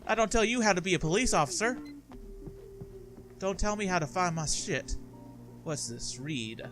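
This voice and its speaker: A man's voice: high-pitched, animated, normal speed, over music. A man hosting a let's play with casual, jokey commentary, reacting aloud.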